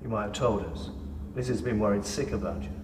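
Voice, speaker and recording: A protective, reproachful family friend played by a man in a film drama. He talks quickly and low, heard from a distance in an echoey space. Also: lightly acted. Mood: reproachful, suspicious. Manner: questioning, reproachful. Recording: distant, echoey, noisy location sound.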